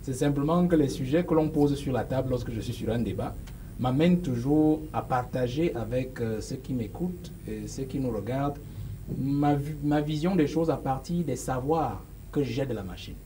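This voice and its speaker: A medium-pitched, dark-toned male voice at normal speed belongs to a political guest in his forties who has a Cameroonian French accent. Seated in a small sofa studio with a lapel mic, he makes his points emphatically and with gestures, though he often hesitates. The recording is rough, with slight background noise.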